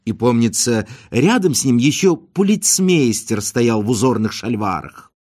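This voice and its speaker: A man voicing a smooth, self-assured male con man, speaking in a breezy, good-humoured way. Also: medium pitch, animated, a little slow, darkish tone.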